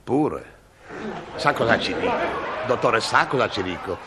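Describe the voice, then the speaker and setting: A man's voice: fairly low pitch, lively intonation, a little slow, crowd noise, background noise. A man playing a touchy, sarcastic television cameraman in a vintage comic sketch, grumbling and arguing back at his boss. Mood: mocking. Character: touchy, sarcastic male TV cameraman, stubborn and quarrelsome.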